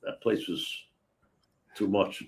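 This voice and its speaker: A man's voice: takes it slowly, a little mellow. A man in his sixties hosting a casual chat, telling stories animatedly and acting out the voices of the people in them. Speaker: host.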